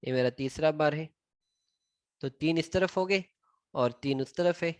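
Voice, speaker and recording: A man's voice: fairly high pitch, unhurried, a little mellow, no room sound. A man with an Indian accent teaching civil engineering drawings. He switches between Hindi and English and counts items aloud as he points them out. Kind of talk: screen-recorded drawing tutorial.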